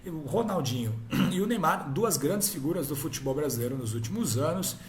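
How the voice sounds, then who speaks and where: Field: football history video. A chatty man recounts past matches in a slightly high voice, often tagging his sentences with quick questions. He sounds like he is in an echoey room, with a faint hiss behind him. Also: expressive. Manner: chatty, frequent tag questions. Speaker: host. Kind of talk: casual football history talk.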